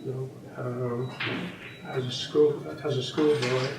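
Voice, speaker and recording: An elderly Welsh-speaking man in his eighties, a snooker coach and referee, reminisces in an interview with a flat, mid-range voice. He rambles unhurriedly, full of ums and restarts. The recording is echoey and distant, with background noise in the room.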